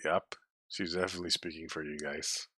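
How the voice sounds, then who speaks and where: A man's voice: rumbling low, level tone, a little fast, pushed and bright, dry recording, clean studio sound. A man streaming, reading a visual novel aloud, with casual, swearing reactions to the chat.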